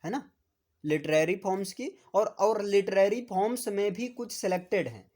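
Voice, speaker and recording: A man's voice: high voice, animated, moderate pace, darkish tone. A man with a Hindi accent giving a classroom lecture, repeatedly asking "है ना?" and spelling words out for his students. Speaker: teacher.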